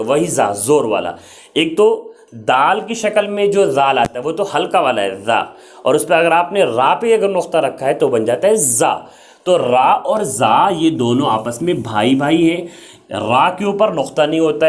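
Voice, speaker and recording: Young male teacher, slightly high voice, slow and repetitive, drilling letter sounds for beginners. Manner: explains slowly, repeats letter sounds. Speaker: Arabic teacher. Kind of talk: patient alphabet lesson.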